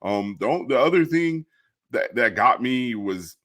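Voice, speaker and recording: A man's voice: medium pitch, animated, unhurried, a bit bright, no echo, studio quality. A man co-hosting a casual college football talk show, giving blunt, opinionated takes. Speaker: co-host.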